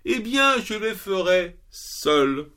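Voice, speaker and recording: A man's voice: sits high, big pitch swings, takes it slowly, bright, forceful tone, pitched above the performer's own voice, full character voice. A man voicing a kind, hardworking little hen in a children's story, patient and cheerful.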